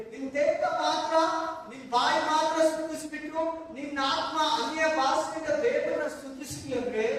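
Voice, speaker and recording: A man with a very high voice preaches a Sunday sermon, impassioned and repetitive, with emphatic call-outs and English words mixed into his sentences. He sounds far from the microphone, and his voice rings through a heavily echoing church hall. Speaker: pastor.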